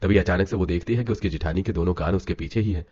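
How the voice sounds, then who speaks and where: A man narrating a scripted animated story in a brisk storytelling manner. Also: low-pitched, a little hiss or hum. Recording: dull lo-fi with music.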